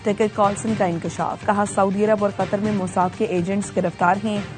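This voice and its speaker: A woman reading scripted news headlines in a brisk, formal delivery. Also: medium pitch. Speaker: news anchor.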